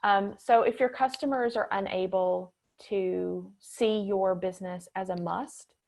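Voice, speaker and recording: A woman's voice: mid-range voice, a little slow, creaky. A woman giving a business talk over a video call, her audio cutting in and out with uneven volume. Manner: steady explaining with filler "um"s. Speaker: webinar speaker.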